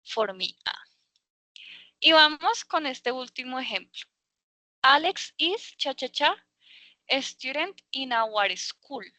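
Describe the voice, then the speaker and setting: Slow bright-voiced woman teacher. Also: sits high, lively intonation, no echo. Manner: patient, explains slowly with many fillers. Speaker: English teacher. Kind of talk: online class. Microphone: video call.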